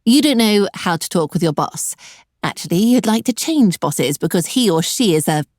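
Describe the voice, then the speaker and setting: A woman's voice: medium pitch, lively intonation, moderate pace, a little mellow, no echo. A middle-aged woman hosting an online career webinar, talking directly to her viewers with a dry, sarcastic edge. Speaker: webinar host and career coach.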